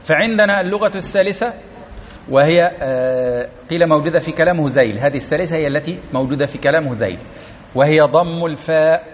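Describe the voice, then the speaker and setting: Male teacher, higher voice, repeats and checks the class, dull lo-fi tape. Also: fast, a little hiss or hum. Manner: explains step by step, repeats key words, keeps checking the class understands. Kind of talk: classroom grammar lesson. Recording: dull lo-fi recording.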